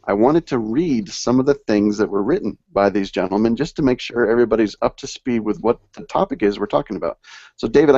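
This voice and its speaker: Guy hosting an online panel over video call, reads stuff out slow and leans on key words, sound a bit muffled, dry. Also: mid-range voice, darkish tone, no echo. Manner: reads passages aloud and stresses key words. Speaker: host of a live online panel.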